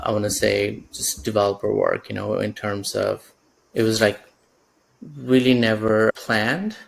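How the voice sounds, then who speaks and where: He has a lowish, gravelly voice and is a thirty-something man from Nepal being interviewed on a podcast. Looking back over his career, he speaks reflectively, often restarting and filling pauses.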